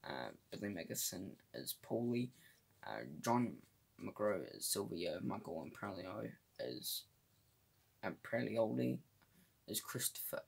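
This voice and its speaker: Guy doing a casual movie review, lots of uhs and tripping on names, pretty lively up and down voice, kinda husky. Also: fairly low pitch. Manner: hesitant, many fillers, stumbles over names.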